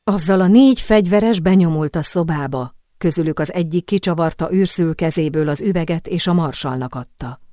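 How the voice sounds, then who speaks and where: A woman narrating an audiobook in a dramatic, expressive storytelling manner. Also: on the low side, hardly any pauses, no echo, clean studio sound. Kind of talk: scripted narration.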